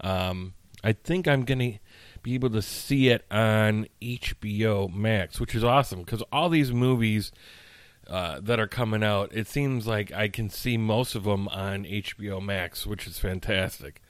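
A man with a lowish, slightly nasal voice speaks at a measured pace, hosting his own podcast as a rambling solo rant with frequent fillers and restarts. He sounds tired while recovering from illness; the studio mic recording has no echo.

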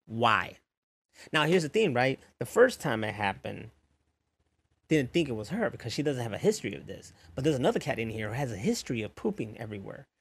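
Man with a gravelly, mid-pitched voice; loose, animated monologue peppered with swearing. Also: brisk. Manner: loose, profane, animated retelling. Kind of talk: casual storytelling monologue.

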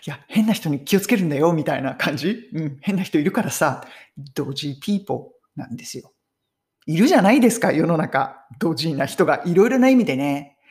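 A chatty woman leads a relaxed English lesson, her voice swinging up and down with a lively, expressive lilt. She laughs often and slows down to spell out English sentences clearly. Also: deep voice. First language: Japanese. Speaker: English teacher. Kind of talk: casual spoken English lesson.

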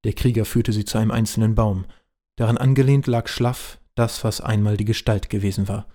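A man narrating a hobby audio drama in a plain, steady storytelling way. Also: fairly low pitch, brisk.

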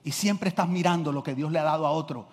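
A middle-aged man, preaching a sermon as a pastor, swinging from loud shouts to quiet asides. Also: a little high, quick pace. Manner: energetic, swings from shouting to quiet, acts out quotes. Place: church hall. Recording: long reverb of a large hall.

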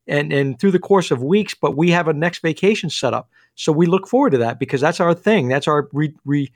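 A man's voice: a little high, no room sound, clean studio sound. A man working as a financial advisor, talking through money and retirement on a call-in radio show, with lots of restarts and fillers. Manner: quick, energetic, many restarts and fillers.

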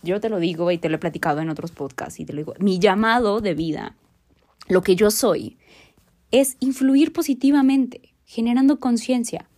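Warm-toned woman hosting a podcast. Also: mid-range voice, lively intonation, normal speed. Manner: earnest, reflective, addresses the listener directly. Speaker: podcast host. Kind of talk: motivational podcast monologue.

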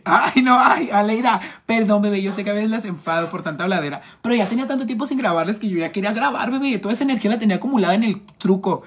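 A makeup artist from Tijuana with a northern Mexican accent, chatting flamboyantly and teasingly on a phone live stream while reading viewers' comments. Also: male voice, high-pitched, racing, hardly any pauses, slightly rough.

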